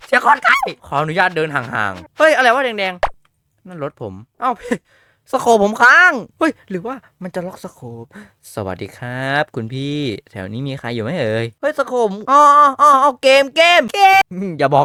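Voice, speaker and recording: Jumpy excitable man gaming. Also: high voice. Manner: excitable, jokey, loud exclamations. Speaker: gaming streamer. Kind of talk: horror game let's-play commentary.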